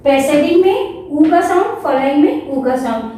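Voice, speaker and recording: A woman shorthand teacher giving a classroom lesson, slowly sounding out each vowel and repeating it. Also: sits high, expressive, warm tone, heavy reverb, distant mic. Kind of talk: classroom lesson, explaining step by step.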